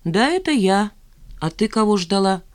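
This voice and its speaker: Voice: medium pitch, big pitch swings, normal speed, dry recording, close to an everyday voice. A narrator voicing a mocking, gossiping male coworker who draws out his words theatrically.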